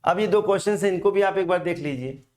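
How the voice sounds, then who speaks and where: Male grammar teacher, higher-pitched, deliberate, stretches out example words, asks and answers his own questions. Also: a little mellow. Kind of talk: exam-prep grammar lesson.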